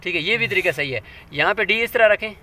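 A man's voice: high voice, expressive, fast, sharp tone. A man teaching a hands-on demonstration, patient and step by step, often asking his listeners to check along.

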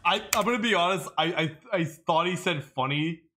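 A man's voice: high voice, a little fast, pushed and bright, slight background noise. A man in his thirties reacting on a livestream with casual, slangy, irreverent joking commentary. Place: small room indoors at a streaming desk.

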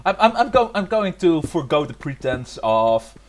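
Giggly gamer, lively pitch. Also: moderate pace, slight background noise. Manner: giggly, laughs often. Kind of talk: casual gaming chat with put-on pirate talk. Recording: music playing clearly under the voice.

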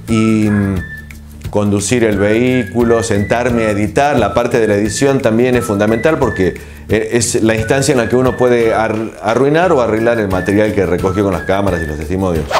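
A man in his forties with an Argentine accent, answering interview questions in a relaxed, reflective way with frequent filler pauses, on a lapel mic in a small studio. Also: fairly low pitch, music in the background. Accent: Argentine Spanish. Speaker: TV host and producer, interview guest.

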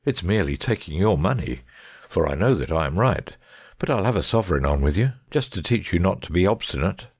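A man playing a shrewd, unruffled Victorian gentleman detective in a dramatic audiobook. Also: low-pitched, animated, fairly quick, slightly rough, no room sound, studio quality, full character voice. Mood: careless, goading. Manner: careless, bland, unruffled.

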